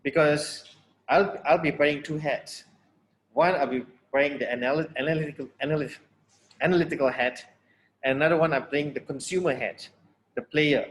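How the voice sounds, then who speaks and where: A man's voice: a little high, normal speed, poor audio. A man from Malaysia giving a blunt, casual tutorial lecture over a video call. He restarts phrases often and repeats himself.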